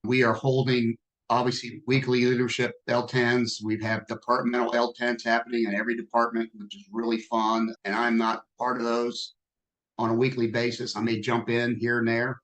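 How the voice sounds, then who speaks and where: A man in his sixties, a business owner speaking as a podcast guest in a relaxed, self-deprecating conversational way. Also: medium pitch, moderate pace, low-quality recording. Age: 60s. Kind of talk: podcast interview.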